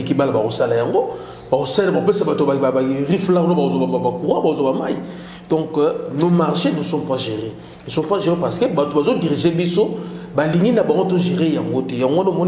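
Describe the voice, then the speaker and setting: A male host with a Congolese French accent recaps his guest's argument in a chatty way, repeating words and mixing in Lingala. His voice sits somewhat high. The recording has a roomy, long reverb with faint noise under it. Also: dark tone. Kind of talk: interview hosting, summing up.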